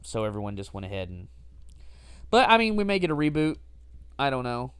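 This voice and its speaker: A man chatting casually on a podcast, wry and quick to cut in with a laugh. His voice is exceptionally smooth and resonant. The recording is dry and close, with no room sound. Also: mid-range voice, big pitch swings, fairly bright tone, no room sound. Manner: wry, interjecting, laughs often. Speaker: podcast co-host. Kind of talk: casual chat.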